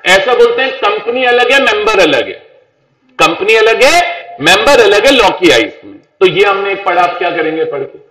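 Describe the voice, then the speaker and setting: A man's voice: sits high, big pitch swings, moderate pace, sharp tone. A man teaching law in a classroom lecture, playful and chatty, calling his students "beta" and repeating phrases for emphasis. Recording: echoey room, voice picked up from a distance.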